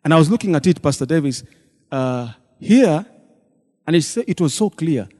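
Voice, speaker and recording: A deacon's fairly high, warm voice moves at a normal speed but stays animated as he retells a church meeting to the congregation. He acts out the people he quotes in this testimony, and long hall reverb surrounds him.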